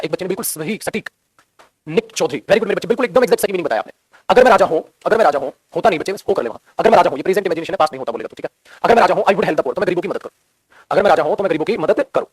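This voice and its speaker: A man's voice: on the high side, slightly rough, no room sound, clean studio sound. A middle-aged man teaching English grammar to a live class with a Hindi accent, repeating points and calling the students "beta".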